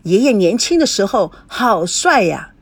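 A woman's voice: medium pitch, sing-song, unhurried, slightly rough, no room sound, full character voice. A woman reading a young grandson, evasive. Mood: casual. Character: young grandson, newlywed man, evasive and kind.

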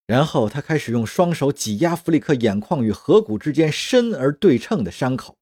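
Male narrator, scripted audio drama, mellow dark tone, husky, dry close sound. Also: mid-range voice, normal speed, no echo. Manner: dramatic, expressive reading.

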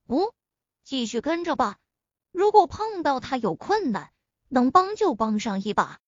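A cool, elegant young businesswoman from an audiobook, read by a woman narrator. Her high voice rises and falls with lively intonation, and it sits dry and muffled. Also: unhurried, no room sound, heavily acted. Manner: cool, aloof. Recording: dull lo-fi recording.

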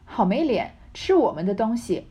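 A woman's voice: fairly high pitch, big pitch swings, moderate pace, mellow, breathy edge, full character voice. A woman reading the lines of a cheeky young maid who jokes with her mistress, in a playful manner.

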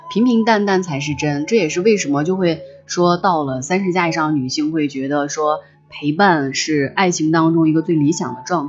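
This woman hosts a livestream, talking casually and thoughtfully with listeners and often saying things again in other words. Her low voice has a darkish tone, and the recording's high frequencies are cut off.

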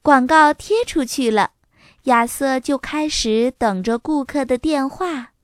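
A woman reading a children's story aloud in an expressive storytelling manner. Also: high-pitched, a little slow, no room sound, studio quality.

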